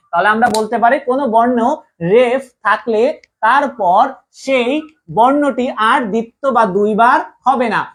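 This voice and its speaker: Woman teacher from Bangladesh, higher voice, repeats each rule as a question for the class. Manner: drills students with repeated call-and-answer questions. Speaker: online Bangla grammar teacher. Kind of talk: live online class lesson.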